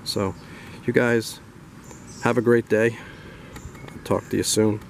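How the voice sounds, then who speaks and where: A man's voice: on the low side, flat delivery, slow pace, a little hiss or hum. A man telling a personal story in a folksy, rambling way to his video audience. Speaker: storyteller vlogger. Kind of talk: casual storytelling.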